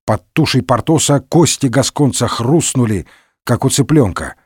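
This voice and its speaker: A man narrating a comic story in an expressive, ironic storybook manner. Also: medium pitch, moderate pace, breathy edge, dry recording, clean studio sound.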